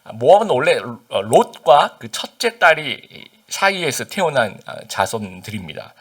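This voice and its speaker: Unhurried and slightly rough, his mid-range voice has a sing-song lilt. This Busan-born pastor talks through his sermon casually, full of fillers and questions to the congregation, speaking standard Seoul Korean with a subtle Busan dialect beneath it.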